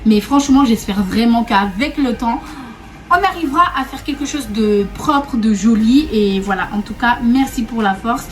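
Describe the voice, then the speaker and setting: A woman's voice: on the high side, moderate pace. A young woman who grew up in Réunion, chatting casually to her viewers in a storytime vlog. She repeats herself, laughs often and keeps calling her audience "mes go". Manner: chatty and repetitive, often laughing, calls viewers 'mes go'. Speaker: vlogger. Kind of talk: casual storytime chat to camera.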